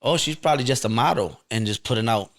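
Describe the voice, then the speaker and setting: A young man talks in a relaxed podcast chat, giving blunt, slangy advice with plenty of energy. His pitch sits in an ordinary middle range for a man. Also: fast. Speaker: podcast host. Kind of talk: casual chat.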